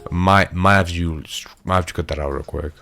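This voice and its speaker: A young man reacting to clips for his YouTube channel in casual, excitable commentary, swearing freely and calling everyone "bro". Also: low-pitched, normal speed, gravelly, faint music behind.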